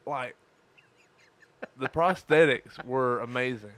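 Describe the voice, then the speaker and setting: A man's voice: mid-range voice, slow pace, a bit bright, no room sound. A tired man with a lisp co-hosting a casual live-streamed podcast, joking around and swearing freely. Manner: crude, profane, joking. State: tired from lack of sleep. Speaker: podcast co-host.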